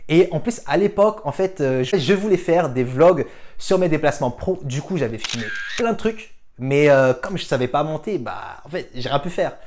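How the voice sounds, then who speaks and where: A man's voice: fairly high pitch, expressive, normal speed, a little mellow. A young man from France answering viewer questions in a casual, self-mocking vlog, switching between languages. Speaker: vlogger. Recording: music playing underneath.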